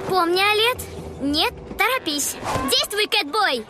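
A woman's voice: extremely high pitch, expressive, a little slow. A woman voicing an eager, impatient young girl superhero in a cartoon dub, earnest and exclamatory. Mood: determined. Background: loud music.

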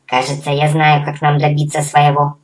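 A squeaky little magical creature, as a male reader puts it on, cheeky and quick. The voice sits very high and sounds pinched and strange, bouncing with mischief. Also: completely flat delivery, lightly acted. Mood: eager, teasing.

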